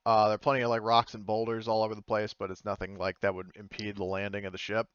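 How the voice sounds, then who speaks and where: Running an online tabletop game over a voice call, this game master speaks casually in a lowish, monotone voice that's a bit bright with a clean tone. He narrates hesitantly, stopping and correcting himself often, on a dry, muffled recording.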